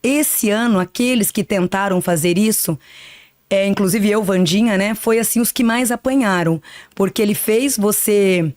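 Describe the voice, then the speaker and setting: A psychic in her fifties guests on a podcast interview, talking earnestly and reflectively about spiritual matters and often tagging on "né". Her mid-range, slightly mellow voice moves at a moderate pace, captured in a dry, clean studio recording.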